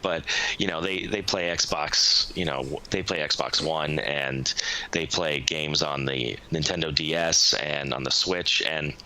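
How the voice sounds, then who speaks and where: A man in his thirties with a low-pitched but very bright, forceful voice. He chats as a guest on a podcast, eager and quick to jump in. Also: low-quality recording. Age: 30s. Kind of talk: casual conversation.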